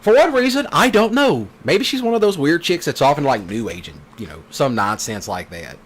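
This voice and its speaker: This man's fairly high, sing-song voice moves at a normal speed as he rambles through a teasing rant for his folksy gaming channel. He mocks people by putting on quoted voices. Car engine sounds from a driving game come through as clear background noise.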